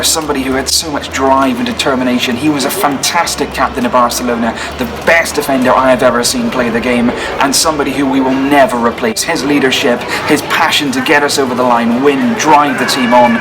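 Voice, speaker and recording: Young guy from wales vlogging at a stadium, rattles along fast and eager, loud music behind. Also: mid-range voice. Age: 20s. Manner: eager, earnest, heaps on superlatives. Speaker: football channel host. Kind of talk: enthusiastic vlog talk to camera. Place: outdoors at a football stadium. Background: background music.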